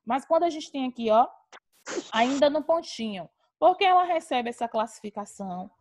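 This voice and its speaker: A woman's voice: sits high, expressive, moderate pace, a little mellow. Patient Brazilian woman teaching grammar. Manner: patient, explanatory, repeats key terms. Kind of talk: online grammar class.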